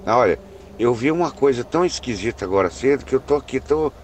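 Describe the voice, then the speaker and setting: A man's voice: medium pitch, animated, brisk, darkish tone, slight background noise, natural voice. A man voicing a frightened, pious older farm woman who is near tears.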